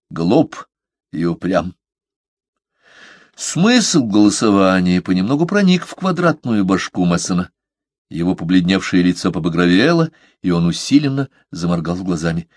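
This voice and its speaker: A man narrating an audiobook with an expressive, dramatic reading. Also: low-pitched, unhurried, no echo, studio quality.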